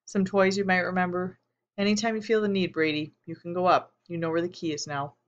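Gentle grieving mother, small soft voice, woman reading, low-pitched, lo-fi audiobook. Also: flat delivery, a little fast, lightly acted. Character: tearful, gentle middle-aged mother.

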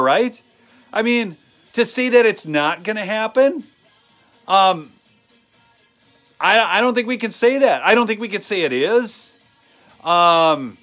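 Livestreaming casually from inside a small wooden shed or garage, a channel host in his thirties with a Minnesotan accent holds his phone camera close. His slightly high, slightly bright voice rambles along with many ums as he speaks straight to viewers.

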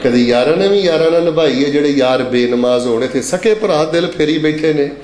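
A man's voice: on the high side, brisk, a little mellow, reverberant. A man preaching a Friday sermon, calling on the congregation to repeat after him and chanting verses in a sweeping, rising and falling voice.

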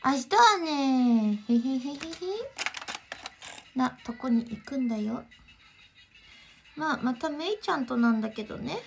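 A young woman with a Kansai accent chats to her livestream viewers from home. She talks in a high, bright-toned voice, giggling between stories. Faint music plays quietly behind her. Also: animated, unhurried, gravelly, long pauses. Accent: Kansai Japanese. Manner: giggly, chatty, answers chat greetings. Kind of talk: casual livestream chat.

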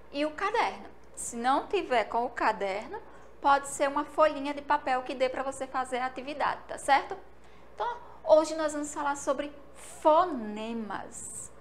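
A Brazilian woman teacher with a Sergipe accent, giving a remote lesson to young children and drilling syllables in a slow, sing-song way from a school studio. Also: sits high, a bit bright, slight background noise. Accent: Brazilian Portuguese, Sergipe.

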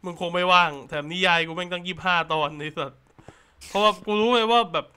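Excitable swearing young man gaming. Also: sits high, fast, a little hiss or hum. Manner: crude, swears a lot, excitable. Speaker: gamer streamer. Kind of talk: casual gaming chat with a friend.

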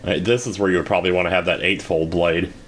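A man's voice: sits low, fairly even intonation, quick pace, a bit bright, slight background noise. A man giving casual, rambling commentary while playing a video game, with wry asides. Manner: rambling, wry, self-deprecating. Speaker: let's play host.

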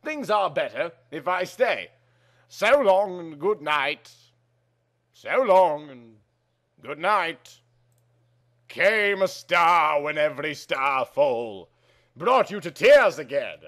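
A man giving a dramatic reading of verse, theatrical and emphatic, with drawn-out phrases and shifts between loud and hushed. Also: a little high, very animated. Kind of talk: dramatic reading of song lyrics.

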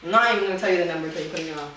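A young woman doing a casual challenge video with a friend, giggly and playful, talking fast when she teases. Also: lowish voice, bright, forceful tone. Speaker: vlogger. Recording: echoey room, distant mic, faint hiss.

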